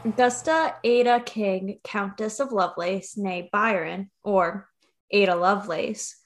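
A woman's voice: mid-range voice, a little slow, background noise. A woman co-hosting a podcast, reading promos and narration in an upbeat way. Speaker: podcast co-host.

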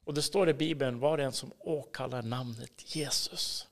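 A man with a Swedish accent telling his personal faith story in an interview, earnest and intense, sometimes dropping to a whisper. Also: mid-range voice. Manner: earnest, swings between hushed whispers and emphatic bursts. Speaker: interview guest. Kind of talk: personal testimony in a casual interview.

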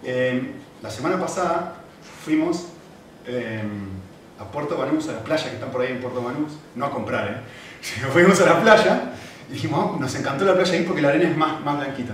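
A man preaching a sermon, telling stories in an animated way with acted-out quotes. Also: a little high. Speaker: pastor. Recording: very echoey hall, distant mic, faint noise.

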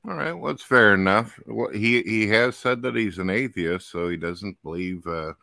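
A male host in a casual call-in debate who puts blunt hypothetical challenges to a guest and calls his own voice monotone. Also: fairly low pitch, normal speed, gravelly, no echo.

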